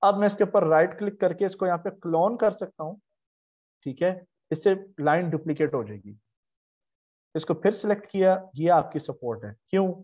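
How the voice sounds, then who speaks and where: A man's voice: high voice, moderate pace, dull audio. A man teaching a live online class. He explains step by step, asks questions and then answers them himself, and he repeats key terms in chanting lists. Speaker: trading instructor.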